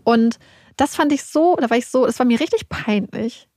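A woman co-hosting a podcast, telling embarrassing stories in an animated, self-mocking way. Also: a little high, moderate pace, no room sound, clean studio sound. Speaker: podcast co-host. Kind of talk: casual podcast chat.

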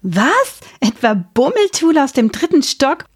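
A woman's voice: mid-range voice, expressive, measured pace, slightly rough, no echo, clean studio sound, voice pushed up. A woman reading a story and voicing a sulky, sarcastic young girl who complains a lot. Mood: sulky, exasperated. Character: exasperated grumbling young girl.

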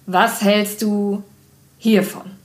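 A woman voicing a kindly, weary male former lab boss who talks softly and sighs, in a storybook reading. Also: flat delivery, drawn-out words, echoey room. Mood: gentle. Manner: soft, low, sighing.

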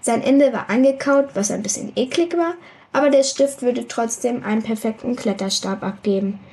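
A woman reading a children's book aloud in a lively storytelling manner. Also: fairly high pitch, normal speed, gravelly. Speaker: reader.

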